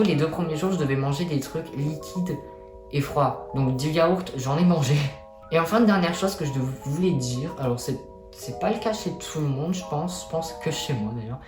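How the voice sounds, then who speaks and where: A young man talks casually to his viewers at a medium pitch. He tells his story in a colloquial, self-deprecating way. The room rings with noticeable echo, and music plays behind him. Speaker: vlogger. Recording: echoey room.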